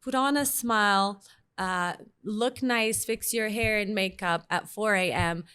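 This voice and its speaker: A woman's voice: mid-range voice, measured pace, smooth. Chatty woman. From Lebanon. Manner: lively, chatty, self-mocking. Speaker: guest, Presbyterian minister. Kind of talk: casual interview storytelling.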